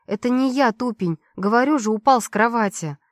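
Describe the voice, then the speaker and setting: A woman voicing a young female prisoner who pleads and shouts in an audiobook. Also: on the high side, fairly quick, no room sound, clean studio sound, voice pushed up, natural voice. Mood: defiant.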